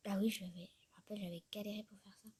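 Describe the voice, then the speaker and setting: A woman's voice: medium pitch, fairly even intonation, rapid-fire, a little mellow, slightly rough, no room sound. A woman chatting casually through a tutorial, rambling, talking to herself and often dropping to a murmur. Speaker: YouTuber showing a tutorial. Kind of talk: casual screen-recorded tutorial chat.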